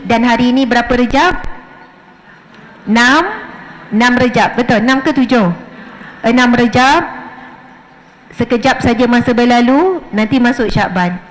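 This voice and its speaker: A middle-aged Malaysian woman with a Malay accent, giving a lively mosque lecture to women and acting out little scenes as she preaches. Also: a little high, slight background noise, rough recording. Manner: lively, acts out little scenes in her speech. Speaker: religious teacher. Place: mosque prayer hall.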